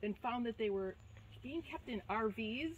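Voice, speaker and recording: A woman's voice: a little high, lively intonation, moderate pace, dull audio. A woman giving an informal, explanatory tour talk to a group, as a guide at a wildlife sanctuary. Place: outdoors among animal enclosures. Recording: very noisy outdoor tour recording.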